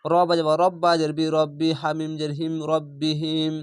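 Smooth-voiced man drilling Quran spelling. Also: a little high, flat delivery, no echo, studio quality. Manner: patient, measured, repetitive drilling. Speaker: Quran reading teacher. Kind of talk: letter-by-letter spelling lesson.

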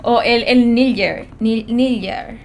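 High-voiced Mexican woman streaming games. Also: steady tone, slow, a little mellow, a little hiss or hum. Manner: slangy, teasing, reads out and greets chat while playing. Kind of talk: casual gaming livestream chat.

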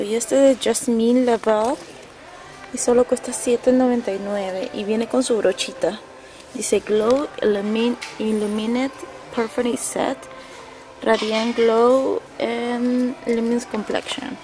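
A woman's voice: on the high side, steady tone, slow, dark tone. A woman with a Peruvian accent, chatting through a casual shopping vlog and gushing over bargains. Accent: Peruvian Spanish. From Peru. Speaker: vlogger. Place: indoor discount store.

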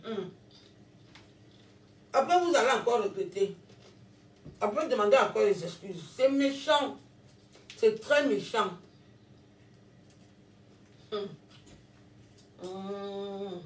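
A woman's voice: a little high, lively intonation, takes it slowly, pauses often. Cameroonian lady ranting at her followers, says things twice, laughs a lot, roomy sound kinda far from the mic. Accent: Cameroonian French. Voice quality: scolding, repeats herself, laughs between lines. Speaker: social media personality. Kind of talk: self-filmed rant to followers.

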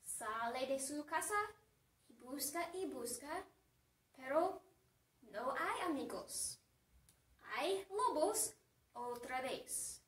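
A woman teacher telling a simple story to her class, speaking slowly and with plenty of repetition, and stopping to ask the students questions. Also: sits high, lively intonation, a bit bright, distant mic. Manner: slow, deliberate and repetitive. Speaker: language teacher. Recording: echoey room, away from the mic.

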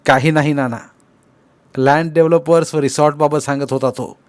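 A man's voice: fairly high pitch, steady tone, normal speed, clear, resonant tone, no room sound, pitched above the performer's own voice, close to an everyday voice. Male narrator doing an anxious young man, urgent and soothing, slightly raised voice. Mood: reassuring. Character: young man, anxious son calming elder.

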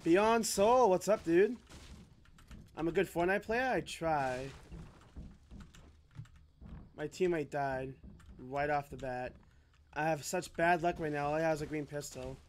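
A man's voice: fairly high pitch, normal speed, slight background noise. An American man from Massachusetts chatting casually as he streams gameplay. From Massachusetts, USA. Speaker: game streamer. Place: small indoor room.

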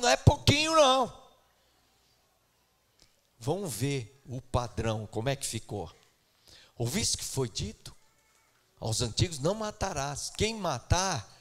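A man from Brazil preaching a sermon in church, moving between soft asides and loud, repeated outbursts. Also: on the high side. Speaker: pastor. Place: church sanctuary.

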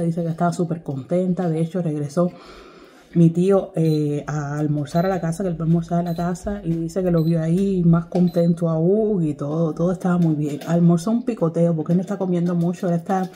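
A young woman with a low-pitched voice tells her viewers a story in a loose, chatty way. She laughs often and acts out what people said as she goes. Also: mellow, a little hiss or hum. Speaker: vlogger.

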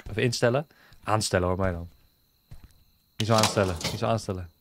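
A man's voice: fairly low pitch, fairly even intonation, fairly quick, background noise. A man casually commentating on a game he is playing, joking and bantering with the characters on screen. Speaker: gaming video host. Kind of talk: casual let's-play commentary.

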